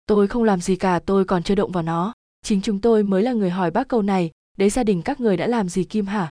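A woman's voice: mid-range voice, quick pace, dark tone, dry recording, studio quality, natural voice. A woman reading a ghost story, voicing a hot-tempered young man who speaks sharply and demands answers. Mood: defensive.

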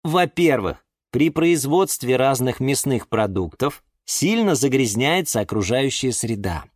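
A man's voice: medium pitch, very animated, a little slow, no room sound, clean studio sound, pitched above the performer's own voice. A man voicing a patient young man who reasons with his talking plants in a children's audiobook, with a reasoning, exasperated manner. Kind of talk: audiobook character voice.

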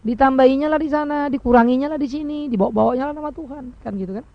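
A male preacher who delivers a sermon quickly and emphatically, throwing rhetorical questions at his listeners. His voice is rough and gravelly. The recording sounds dull and lo-fi. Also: very high voice, dry recording.

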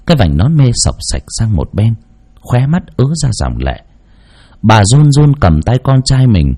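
A man narrating a heartfelt village story in slow, scripted storytelling. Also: medium pitch, very animated, warm tone.

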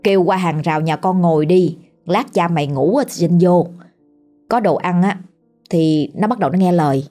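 Mellow Southern Vietnamese woman storyteller. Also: fairly low pitch, moderate pace, soft background music. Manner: chatty, colloquial retelling. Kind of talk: ghost story narration.

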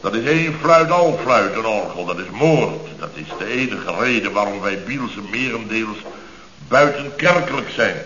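On a muffled old recording of a 1970s Dutch radio comedy, an actor with a Netherlands Dutch accent plays a blustering, self-pitying, middle-aged building contractor. His lowish male voice has lively intonation as he tells his story indignantly in forceful, halting, exasperated short bursts.

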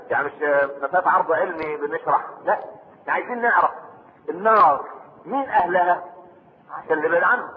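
A man's voice: sits high, long reverb tail, phone-quality sound, a little hiss or hum. A man with an Egyptian Arabic accent giving a religious lecture in a series. He mixes formal Arabic with colloquial speech, asks his listeners rhetorical questions and prays aloud between points. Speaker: preacher.

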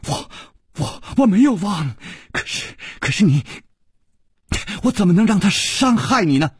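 A man's voice: sits high, sing-song, very fast, mellow, slightly rough, no echo, studio quality, voice pushed up, heavily acted. Stammering young woman, anxious and pleading, as a male storyteller puts her on.

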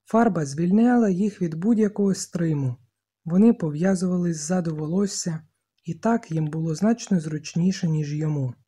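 An audiobook reader giving steady, measured scripted narration of a novel. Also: mid-range voice, breathy edge.

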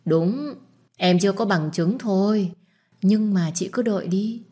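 A woman's voice: mid-range voice, warm tone, slightly rough. A woman voicing a nosy, blunt young woman who pesters and scolds in an audiobook. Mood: pushy. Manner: pushy, quick to scold. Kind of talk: audiobook dialogue.

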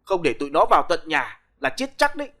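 A man's voice: on the high side, big pitch swings. A man doing a pushy, scolding middleman. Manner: fast, loud and scolding.

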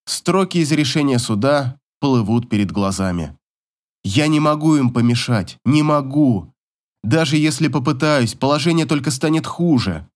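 A man's voice: medium pitch, lively intonation, moderate pace. Man narrating an emotional audiobook. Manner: emotional, dramatic. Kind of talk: first-person story narration.

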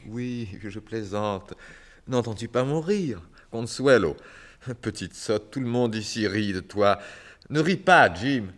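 An actor playing a sad, tender male circus clown who speaks softly and deliberately. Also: deep voice. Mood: bitter. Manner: soft, slow and deliberate, rising to bitter outbursts. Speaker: Celui. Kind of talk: 1960s French radio drama acting.

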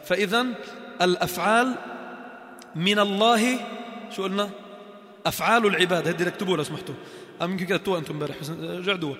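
Levantine male teacher in a mosque, bright and energetic, quizzes the class; roomy hall reverb. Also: high-pitched, quick pace, pauses often. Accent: Levantine Arabic. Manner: animated, acts out little scenes and asks the class questions. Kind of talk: classroom religious lesson. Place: large echoey mosque hall.

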